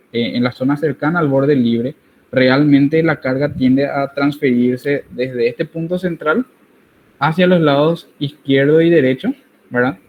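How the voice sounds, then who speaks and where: A man's voice: mid-range voice, a little hiss or hum. Man tutoring, dull lo-fi call audio. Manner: explains while drawing, frequent tag questions. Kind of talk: online engineering tutorial.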